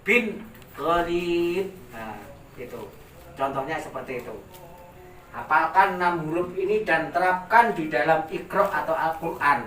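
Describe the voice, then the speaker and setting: Slow, echoey Indonesian man teaching recitation. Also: fairly high pitch, fairly bright tone. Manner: drawn-out demonstrative recitation, repeating words for pupils. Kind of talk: informal tajwid lesson. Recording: echoey room, distant mic, faint ambient noise.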